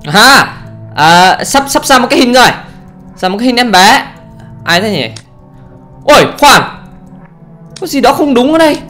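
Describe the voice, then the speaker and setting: A man giving let's play commentary on a horror game, excitable and often exclaiming and swearing casually. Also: very high-pitched, normal speed, pauses often, faint music behind. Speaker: gamer, channel host.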